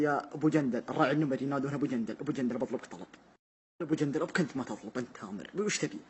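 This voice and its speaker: A man with a Bedouin Gulf Arabic accent tells colloquial stories at a very rapid clip. His voice is strongly husky and rough, and he slips informally into the dialogue of the people he describes. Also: sits high. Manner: informal, acts out dialogue of characters. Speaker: storyteller speaking to an audience. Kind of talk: animated colloquial storytelling.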